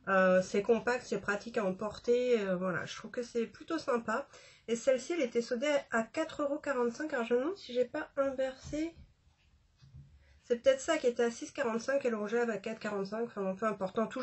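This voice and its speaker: A woman's voice: a little high, husky. A woman chatting casually about a makeup haul, with many fillers and restarts. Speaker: beauty vlogger.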